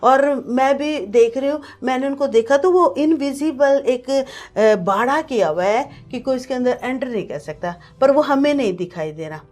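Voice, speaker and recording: A woman's voice: sits high, lively intonation, moderate pace, few pauses, a little mellow. A woman giving an earnest personal testimony to a pastor, telling her story vividly and mixing in English words. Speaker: guest sharing a testimony.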